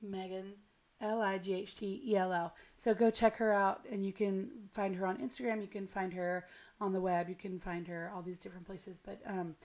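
Female American podcast host, gravelly, smoky and hoarse from a cold, creaky mid-pitched delivery, chatty, self-deprecating and informal. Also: steady tone, normal speed, darkish tone. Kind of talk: casual podcast intro chat. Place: at home.

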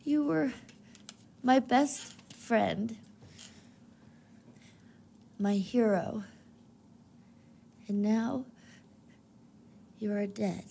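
A woman voicing a young woman performer who gives a halting, melodramatic monologue about a lost pet. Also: on the high side, creaky, mellow, slight background noise, heavily acted. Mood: mournful.

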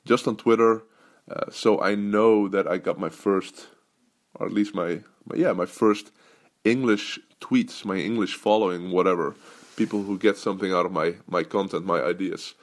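A man's voice: deep voice, fairly even intonation, moderate pace. A Dutch man hosting his own podcast as a business coach, talking loosely with many fillers and restarts. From Netherlands. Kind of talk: casual solo podcast talk.

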